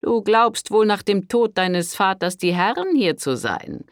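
A man voicing a stern, scheming older priest who speaks slowly and haughtily in an audiobook. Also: high-pitched, sing-song, no room sound, studio quality, pitched above the performer's own voice, heavily acted. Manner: severe, slow and haughty.

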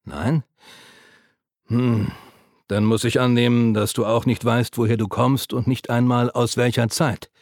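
A man voicing a gentle, chatty caretaker who speaks soothingly to a patient. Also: mid-range voice, little pitch movement, unhurried, no echo, studio quality, natural voice. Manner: soothing, patient, overly talkative.

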